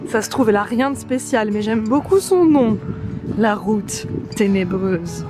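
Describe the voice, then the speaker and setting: A woman's voice: mid-range voice, expressive, measured pace, music in the background. A woman from the Yvelines, chatting casually while hiking through a forest, thinking aloud with plenty of fillers. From Yvelines, France. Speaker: travel vlogger. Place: forest trail outdoors.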